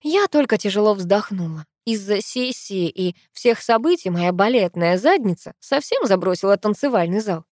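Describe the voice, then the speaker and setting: A woman reading a first-person audiobook in a steady storytelling manner. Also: medium pitch, moderate pace, few pauses, no room sound, clean studio sound. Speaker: audiobook narrator.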